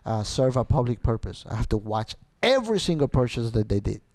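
Middle-aged man, interview guest, lively bilingual storytelling, frequent swearing, dry sound. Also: medium pitch, moderate pace, no echo. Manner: switches between Spanish and English, swears freely, animated storytelling. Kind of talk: casual interview chat.

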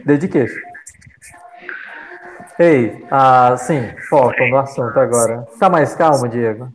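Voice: mid-range voice, slow, a little hiss or hum, poor audio. An English teacher with a Brazilian accent, explaining a grammar point in an online class and patiently repeating examples. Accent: Brazilian Portuguese. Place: online video call.

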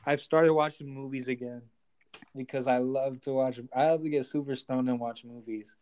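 A man's voice: mid-range voice, steady tone, moderate pace, darkish tone, clean tone. A young man chatting casually and telling stories like a hyped frat bro, full of slang and swearing.

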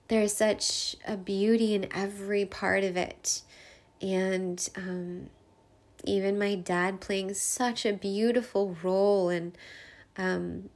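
A woman with a gravelly, fry-tinged voice talks through personal grief in a candid podcast monologue. She sounds open and heartfelt, breaking into small laughs between her thoughts and leaning on fillers as she searches for words. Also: mid-range voice. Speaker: podcast host.

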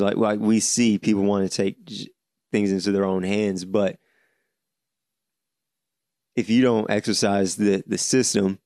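A man in his late twenties hosting a solo podcast, speaking earnestly with many halting restarts. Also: lowish voice, vocal fry, darkish tone, no echo, studio quality. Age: 20s. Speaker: podcast host.

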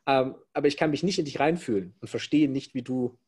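A man in sales talking in a casual chat, emphatic and quick, often restarting his sentences. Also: mid-range voice, darkish tone, husky. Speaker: salesperson, podcast co-host.

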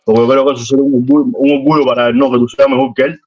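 A man with a Cuban accent speaking earnestly and warmly in a casual chat, often ending lines with a questioning tag. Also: mid-range voice, level tone, racing. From Cuba. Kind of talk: casual heartfelt conversation. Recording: dull lo-fi line.

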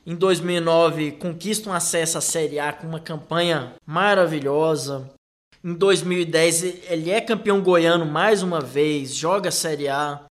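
A Brazilian man telling personal stories as a football fan, in an animated, emphatic way. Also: a little high, normal speed. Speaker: football fan recounting club history. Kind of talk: personal storytelling.

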